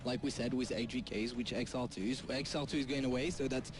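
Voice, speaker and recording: Male esports analyst, measured and mid-pitched, thinks aloud. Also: steady tone. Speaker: esports co-caster.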